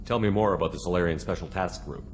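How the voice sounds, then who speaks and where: A man playing a calm, resolute military commander in a video game, firm and businesslike, with music behind him. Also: low voice, fast, slight background noise, close to an everyday voice.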